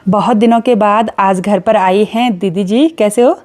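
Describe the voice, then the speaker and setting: A young woman from Uttarakhand, India, vlogs outdoors around her hill village on a phone camera, chatting cheerfully and teasing her neighbours as she narrates casually. Her mid-range voice is darkish, fairly even in intonation and at normal speed, with no room sound.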